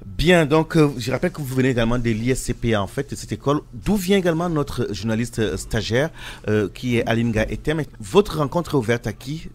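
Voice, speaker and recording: A man's voice: medium pitch, expressive, fairly quick. A man hosting a local radio news magazine, interviewing a guest and introducing reports, with many fillers and restarts. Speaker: radio host.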